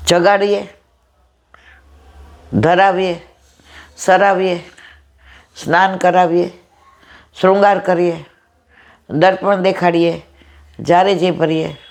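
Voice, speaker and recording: A middle-aged woman with a loud, powerful voice, giving a devotional storytelling discourse and acting out the dialogue in her stories. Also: on the low side. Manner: retells stories with quoted dialogue. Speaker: satsang speaker.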